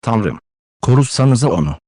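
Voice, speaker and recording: Fierce grieving widow read by a man, pleading and scolding, dry close recording, mid-pitched voice. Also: big pitch swings, moderate pace, mellow, dry recording. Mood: anguished. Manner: emotional, pleading and scolding declamation. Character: distraught consumptive widowed mother, fierce and proud.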